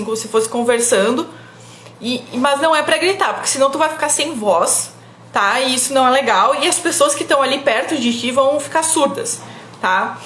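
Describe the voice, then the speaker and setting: A woman's voice: sits high, fairly bright tone, reverberant. A young woman from giving casual public speaking advice on a live stream, chatty and full of "tá?" tag questions. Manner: chatty, frequent "tá?" tag questions, laughs often.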